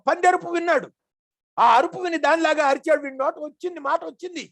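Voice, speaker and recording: A woman giving a devotional discourse. She tells old stories with animation, chants Sanskrit verses slowly and then explains them. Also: sits high, fairly even intonation, a bit bright, no echo. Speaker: religious storyteller.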